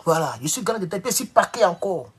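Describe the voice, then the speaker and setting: A man talking to viewers in a casual live-stream monologue. He rambles and swings between loud, high outbursts and low mutters. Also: expressive, quick pace, slightly rough.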